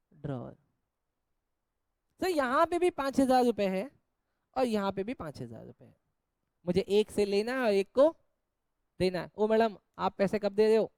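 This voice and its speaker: A man's voice: very high-pitched, darkish tone, no echo. A man teaching an accounts class, jokingly scolding and teasing his students while he explains. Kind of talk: Hindi-English accounts lecture.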